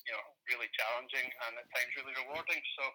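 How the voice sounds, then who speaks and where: A man talking as an interview guest over a phone on speakerphone, relaxed and often repeating words as he thinks. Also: medium pitch, fast, poor audio. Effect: heard over a phone on speakerphone. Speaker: interview guest, sports performance head.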